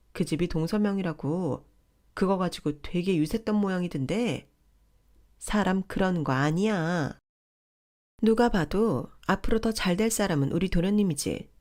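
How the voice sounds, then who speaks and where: A woman voicing a pushy, condescending older sister-in-law who scolds in a shrill, entitled way. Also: darkish tone, close to an everyday voice.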